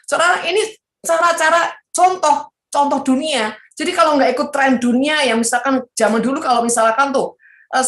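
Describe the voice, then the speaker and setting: Animated woman preaching in an echoey room. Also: sits high. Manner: animated, mocking quoted voices, frequent asides. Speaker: evangelist preacher. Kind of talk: sermon.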